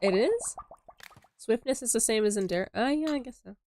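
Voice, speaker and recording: A woman's voice: on the high side, lively intonation, normal speed, a little mellow, slight background noise. A woman co-hosting a gaming stream in casual chat, quizzical and playfully skeptical. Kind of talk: casual chat while playing.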